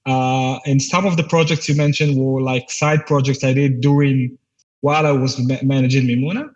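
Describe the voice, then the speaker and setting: A man's voice: mid-range voice, fairly even intonation, normal speed, a little mellow, dull audio. A man, a guest on a podcast, speaking hesitantly with many restarts and fillers. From Israel. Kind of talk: casual interview chat.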